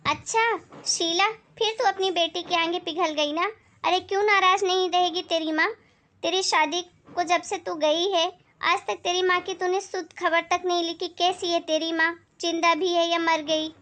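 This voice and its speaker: A woman voicing a sharp-tongued older aunt who lectures her neighbor in a blunt, scolding way. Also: extremely high pitch, steady tone, normal speed.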